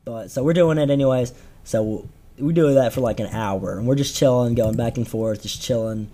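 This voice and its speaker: A man's voice: medium pitch, normal speed, dark tone. A teenage man telling a rambling, slangy story on a casual podcast, with lots of fillers and restarts. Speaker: podcast co-host.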